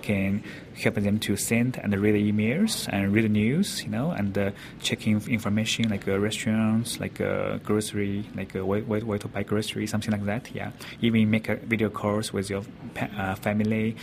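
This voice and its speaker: A representative of a robotics company, a man from China, explains things during an interview in hesitant, non-native English with a Chinese accent. His voice is lowish, steady, and creaky, at a normal speed. The recording is noisy and was made at a public event.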